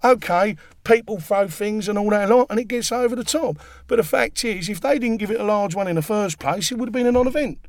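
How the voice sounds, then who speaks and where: Rowdy man, higher voice. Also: brisk, hardly any pauses, dry recording. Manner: rowdy, swears freely, jokey banter. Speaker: football fan pundit. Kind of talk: casual chat.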